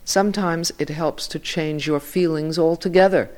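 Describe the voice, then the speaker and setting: A man reading literary fiction aloud in a measured way, voice dropping softly at the ends of lines. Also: fairly high pitch, fairly even intonation. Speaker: reader.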